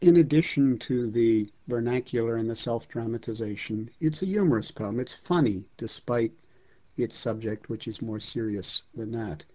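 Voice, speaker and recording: Measured male literature lecturer, lo-fi. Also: medium pitch, a little mellow. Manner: measured, reflective, with occasional hesitations.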